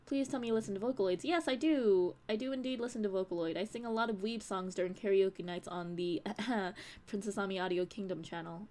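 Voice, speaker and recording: A woman's voice: mid-range voice, brisk, darkish tone. A young woman streaming live, chatting casually and reading her chat aloud in a bubbly, rambling, giggly way. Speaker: audio creator streaming live.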